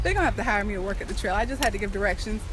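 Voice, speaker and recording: Animated, breathless woman on a trail. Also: mid-range voice, rapid-fire. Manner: animated and profane. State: out of breath from hiking uphill. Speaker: vlogger. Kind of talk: casual storytelling vlog. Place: outdoor park trail. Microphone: handheld phone. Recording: outdoor phone audio with traffic noise.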